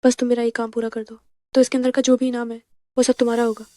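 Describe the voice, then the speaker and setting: An actress dubbing a clever young woman who speaks calmly and firmly. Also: on the high side, dry recording, studio quality, close to an everyday voice. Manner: calm and firm, quick delivery. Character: cool, clever young woman outsmarting a rival. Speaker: heroine. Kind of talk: Hindi dub of a drama.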